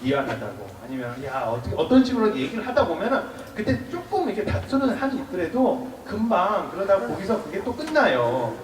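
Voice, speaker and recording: A man in his forties, a monk giving a public lecture, lively and quizzing the audience, with acted-out dialogue. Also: high-pitched, fairly quick, few pauses, crowd noise. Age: 40s. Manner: lively, asks the audience questions, acts out quoted dialogue. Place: temple lecture hall with audience. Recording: echoey hall, mic from far off, audience around.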